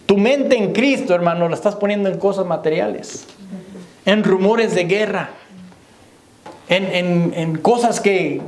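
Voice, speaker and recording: A man preaching a sermon as pastor, calling out to the brethren and asking if they understand. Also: high-pitched. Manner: preaching to the congregation, repeating "hermano" and "¿me entiende?". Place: church. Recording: echoey church hall.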